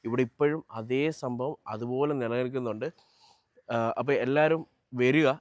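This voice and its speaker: A man, hosting a casual food vlog from a small roadside eatery, chatting lively to his viewers. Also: medium pitch, normal speed, no room sound. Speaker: food vlogger.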